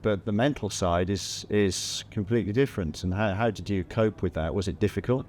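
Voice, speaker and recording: Low-voiced man asking gentle questions. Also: fairly quick, slight background noise. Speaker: interviewer, festival director. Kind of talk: stage interview.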